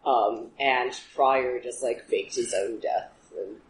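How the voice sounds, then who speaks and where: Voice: mid-range voice, takes it slowly, reverberant, a little hiss or hum, rough recording. A player in a tabletop role-playing game, chatting in a giggly way with lots of "like". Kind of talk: tabletop game play, casual chat.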